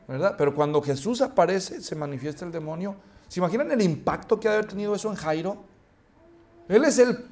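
A male pastor preaching a sermon, animated, acting out dialogue and asking the congregation questions. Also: on the high side.

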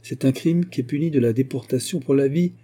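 A man's voice: on the low side, a little fast, mellow, slightly rough. A man reading aloud and voicing a shrewd, stern male police agent with a sardonic, intimidating manner. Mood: stern, mocking.

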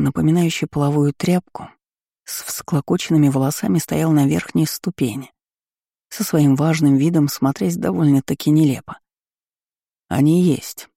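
A woman reading a story aloud with lively, dramatic narration. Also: low-pitched, normal speed, vocal fry, slightly rough, no room sound, clean studio sound. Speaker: audiobook narrator. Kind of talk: expressive audiobook narration.

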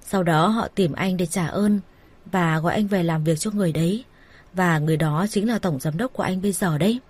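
A woman's voice: on the low side, fairly quick, a little mellow, slightly rough. A woman voicing a persuasive older brother who coaxes his younger sister in an everyday voice. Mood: coaxing. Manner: coaxing, persuasive. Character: coaxing older brother, a smooth-talking manager.

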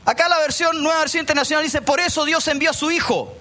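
A man's voice: very high-pitched, fast, bright, forceful tone. A middle-aged man from Chile with a Chilean Spanish accent, preaching a sermon in a conversational way, with asides to the congregation. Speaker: pastor. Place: church meeting hall.

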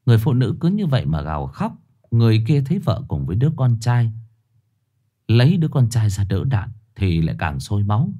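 Husky male ghost story narrator. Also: a little fast. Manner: low, hushed, expressive storytelling.

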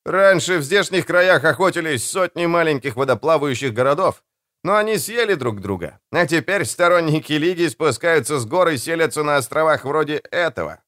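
A man's voice: on the high side, animated, brisk, fairly bright tone, pitched above the performer's own voice. A man voicing a thin, bespectacled male navigator who used to be a teacher, explaining a map in a storybook reading.

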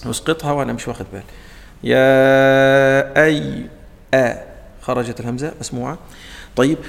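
Gravelly Egyptian sheikh teaching recitation. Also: male voice, a little high, in a large hall. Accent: Egyptian Arabic. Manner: asks his own questions and answers them, demonstrates sounds. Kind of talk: explanatory lesson in colloquial speech.

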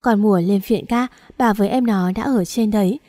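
A woman reads an audiobook novel aloud in a steady, even manner. Her voice is warm and mellow. The recording is close-miked and dry. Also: mid-range voice, normal speed, no room sound. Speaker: audiobook narrator. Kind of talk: scripted narration.

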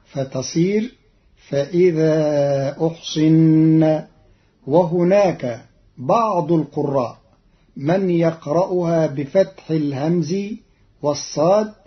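A man explaining variant Quran readings in a slow, precise way, quoting verses in a chant. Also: fairly high pitch. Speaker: Quran recitation scholar. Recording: dull old radio archive recording.

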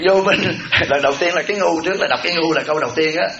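A man's voice: a little high, racing, gravelly, a loud crowd. A man, a Buddhist monk, giving a humorous dharma talk, folksy and teasing, repeating words for comic effect. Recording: echoey, dull room recording with audience. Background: audience laughter.

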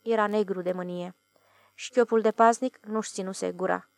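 A woman narrating an audiobook in a steady, measured storytelling voice. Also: medium pitch, gravelly, dry recording.

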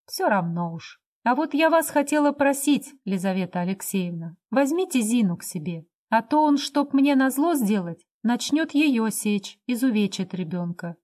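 A weary, downtrodden wife whose words come out bitter and resigned, read by a woman narrator. Her voice sits fairly high for a woman, and her pleading has a tired edge. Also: lively intonation, moderate pace, hardly any pauses, a little mellow, close to an everyday voice.

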